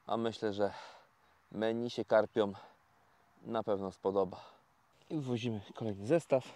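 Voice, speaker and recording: A man talking casually to viewers in a fishing vlog, explaining each step in a relaxed, chatty way with many fillers, recorded outdoors by a lake. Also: fairly low pitch, a little slow, dry recording. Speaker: carp fishing vlogger.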